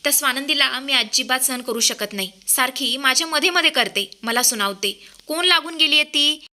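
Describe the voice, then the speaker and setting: A scheming young woman rages and fakes tearful despair, as a woman narrator acts her out. Her voice is bright and raised, with a whiny, melodramatic edge. It is a storyteller's retelling of a TV serial scene. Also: high voice, moderate pace. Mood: furious. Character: scheming, furious young woman faking a crisis.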